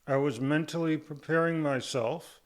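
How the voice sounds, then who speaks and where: A man's voice: on the high side, normal speed. A man giving a casual update to camera, talking with difficulty through a restricted jaw held by rubber bands after surgery, with saliva pooling in his mouth.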